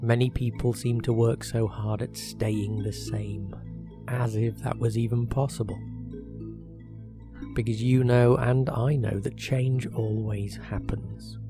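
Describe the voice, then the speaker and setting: A man leading a guided hypnosis meditation as a relaxation therapist, speaking in a soothing, measured way with short phrases and pauses. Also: mid-range voice, level tone. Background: meditation music.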